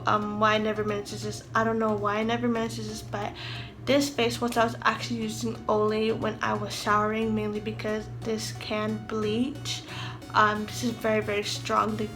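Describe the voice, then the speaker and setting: A woman in her mid-twenties chatting loosely in a casual video diary, her speech slightly lisped from wearing a retainer. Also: on the high side. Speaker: vlogger. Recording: music behind the voice. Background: clear background music.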